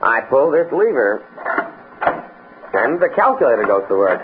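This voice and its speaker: Man acting earnest stuffy young academic, American accent, bookish precise speech, lively pitch, vintage radio drama, scratchy noisy recording. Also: normal speed, phone-quality sound, close to an everyday voice. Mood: confident. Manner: precise, bookish, stammers when flustered. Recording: scratchy, band-limited old radio recording with noise.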